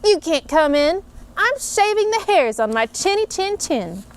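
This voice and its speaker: A woman doing a stubborn little pig yelling back. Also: very high voice, sing-song, unhurried, noisy background, voice pushed up, heavily acted. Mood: defiant. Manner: loud, defiant shouting. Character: stubborn little male pig shouting from his house.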